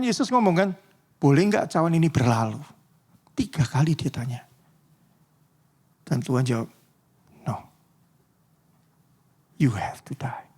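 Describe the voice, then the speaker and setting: High-voiced chatty male preacher. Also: darkish tone, slightly rough. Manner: chatty, joking, often asks the congregation "betul ya?". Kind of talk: casual sermon. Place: church.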